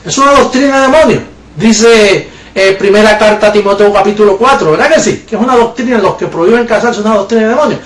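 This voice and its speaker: A man's voice: high-pitched, quick pace, echoey room, distant mic. A man preaching a sermon in an emphatic, mocking way, often calling his listeners "blessed". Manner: mocking, emphatic, repeatedly addresses listeners as "bendecido".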